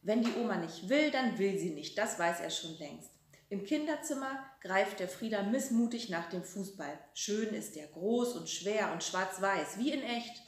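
A woman reading a children's story aloud, telling it in a calm, expressive way. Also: mid-range voice, measured pace. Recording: roomy echo.

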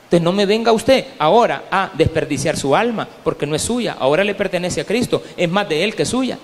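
A male pastor with a Salvadoran Spanish accent, preaching a story-filled sermon that swings from quiet asides to loud pleas. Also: high voice, expressive, fairly quick. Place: church hall. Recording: long reverb of a church hall.

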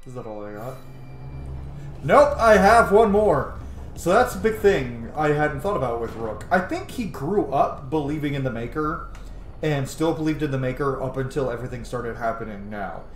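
This is a man in his thirties narrating a role-playing game let's play casually, musing aloud indoors at home. His voice sits at medium pitch with a little hiss or hum on the track. Game music plays in the background of the echoey room.

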